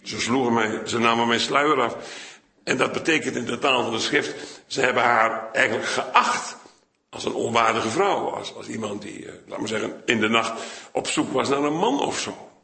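An older man preaching a Bible sermon in Dutch, chatty and digressive, now and then jumping up high to act out quotes. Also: normal speed, gravelly, bright, forceful tone, echoey room. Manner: conversational, digressive, with sudden high-pitched acted quotes.

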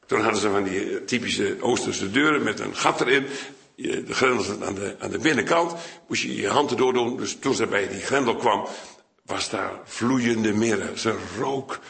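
An older man gives a sermon in a conversational, rambling way. His voice has a gravelly grain and a bright edge. The room around him rings with echo. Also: normal speed. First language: Dutch. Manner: conversational, digressive, with sudden high-pitched acted quotes. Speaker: preacher. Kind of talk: Bible sermon.

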